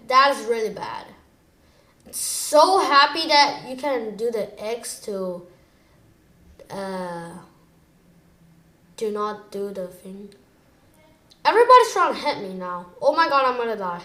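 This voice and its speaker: A woman giving chatty, excitable commentary while playing a video game, switching between low muttering and sudden exclamations. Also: echoey room. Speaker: gamer. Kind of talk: gameplay commentary.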